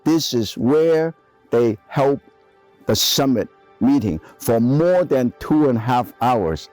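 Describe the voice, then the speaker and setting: A man's voice: medium pitch, animated, slow, darkish tone, soft background music. Enthusiastic older man with Cantonese accent. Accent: Cantonese-accented English. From Guangzhou, China. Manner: enthusiastic, emphatic, broken English phrasing. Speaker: chef and presenter. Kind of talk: documentary presenting to camera.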